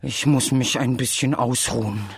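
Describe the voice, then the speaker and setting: A storyteller voicing an eager, clumsy male bear who wants to fly, speaking slowly and earnestly in a lowered voice. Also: fairly even intonation, slightly rough, no echo, clean studio sound. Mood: puffing. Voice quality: deep, slow, earnest and stubborn. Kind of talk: storybook read-aloud.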